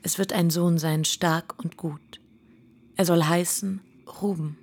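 An actress playing a tender, devoted young bride in a radio drama, speaking softly and half-whispered. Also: female voice, on the low side, steady tone, slow, husky, full character voice.

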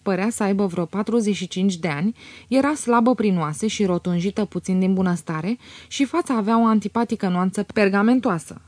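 A woman's voice: medium pitch, a little mellow, no echo. Woman narrating a classic novel. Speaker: audiobook narrator. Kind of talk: scripted narration.

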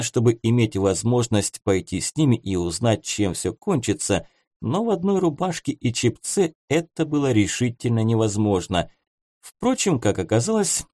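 A man reading an audiobook in an expressive storytelling way. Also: mid-range voice, no room sound. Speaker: audiobook narrator. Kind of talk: scripted narration. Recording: dry close studio sound.

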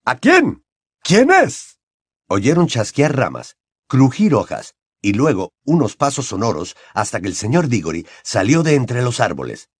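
A man narrating an audiobook with an expressive storytelling cadence. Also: medium pitch, moderate pace, husky, no room sound, studio quality.

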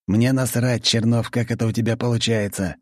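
A man voicing a blunt, gruff count. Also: mid-range voice, steady tone, a little fast, no room sound, clean studio sound, voice pushed up, close to an everyday voice. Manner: blunt, swearing, sardonic. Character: blunt chain-smoking male count, gruff official.

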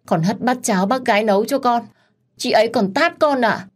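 A woman's voice: on the low side, normal speed, husky. A woman voicing a scheming pregnant young woman in her twenties who pleads in a trembling voice. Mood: pleading. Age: 20s.

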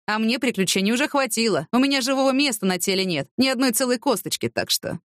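A wry, streetwise homeless man who drawls his mocking slang and likes to philosophize, as a woman reads him out. The pitch swings widely from line to line, and the sound is dry and close. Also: animated, fast, a bit bright, no room sound.

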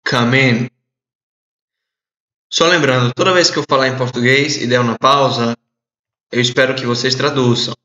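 A man teaching English in a recorded audio lesson, repeating phrases slowly and clearly for learners to translate. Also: medium pitch, steady tone, bright, forceful tone. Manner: slow, deliberate drilling with repeated phrases. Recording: echoey, dull lo-fi audio.

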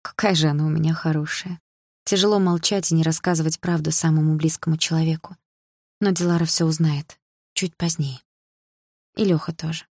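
Low-voiced woman reading a novel. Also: fairly even intonation, fairly quick, a little mellow, dry recording, studio quality. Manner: intimate, emotional storytelling. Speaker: audiobook narrator. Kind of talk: first-person novel reading.

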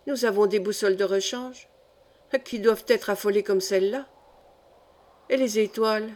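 A woman's voice: mid-range voice, steady tone, moderate pace, darkish tone, close to an everyday voice. A woman reading the lines of a frightened male polar geologist in an audiobook, murmuring anxiously. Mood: worried. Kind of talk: audiobook character voice.

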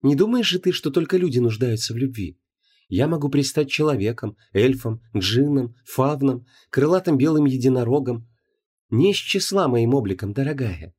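A seductive goddess of love, as a male audiobook reader puts her on, raised in pitch and a little softer than his telling voice. She coaxes and condescends in honeyed tones, and her tone moves freely. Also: animated, normal speed, breathy edge. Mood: coaxing.

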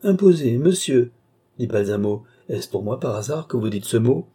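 A man voicing a cool, mocking count and sorcerer in an audiobook, calm and commanding. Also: mid-range voice, normal speed, slightly rough.

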